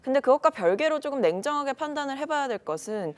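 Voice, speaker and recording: Woman panelist on a tv talk show, slightly high voice, careful long-winded points. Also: animated. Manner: measured, hedged, builds long reasoning. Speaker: political commentator. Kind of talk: panel discussion commentary.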